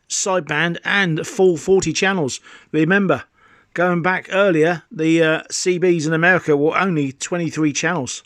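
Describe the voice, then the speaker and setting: A man in his fifties with a higher-pitched voice enthusiastically presents a hobby showcase, savouring each item and exclaiming as he goes. The recording is dry and of studio quality.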